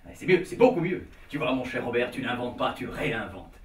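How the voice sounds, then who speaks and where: A man's voice: mid-range voice, big pitch swings, brisk, far from the mic, a little hiss or hum. An actor playing a cocky schemer who lectures his friend on swindling rich men, in a live stage comedy. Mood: lecturing. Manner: lecturing, sly, boastful. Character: scheming, cocky con man. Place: theater stage. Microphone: distant room mic. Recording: echoey live stage recording from afar.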